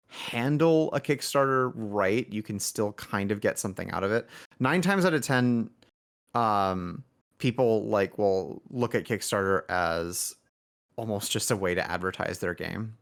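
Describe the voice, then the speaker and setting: An indie game developer appears as a podcast guest, chatting casually and thinking aloud in a rambling way. He speaks slowly in a fairly low voice.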